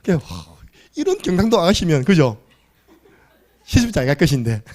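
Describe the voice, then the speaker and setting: A man's voice: fairly high pitch, very animated, normal speed, darkish tone. A male pastor giving a Sunday sermon, emphatic and exclamatory, firing rhetorical questions at the congregation. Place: church sanctuary.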